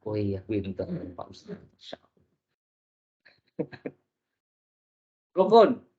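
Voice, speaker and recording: A man teaching a religious class, lively and joking, often putting questions to his listeners. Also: fairly low pitch, takes it slowly, slightly rough. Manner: lively, jokey, asks the audience questions. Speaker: preacher. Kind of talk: interactive religious lesson. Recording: dull lo-fi recording.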